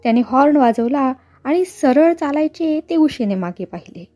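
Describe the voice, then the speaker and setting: A woman reads a novel aloud with a steady storytelling pace. Her voice is high yet mellow and a little husky, with faint music playing underneath. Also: moderate pace. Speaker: narrator. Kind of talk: novel reading.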